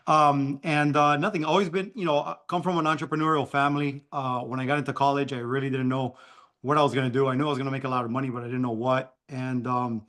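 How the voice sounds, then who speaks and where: A man's voice: mid-range voice, little pitch movement, quick pace, fairly bright tone. A man with a Cuban-American Miami accent telling his personal story as a guest on an online call, rambling with many fillers. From Miami, Florida. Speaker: guest speaker. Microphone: video call.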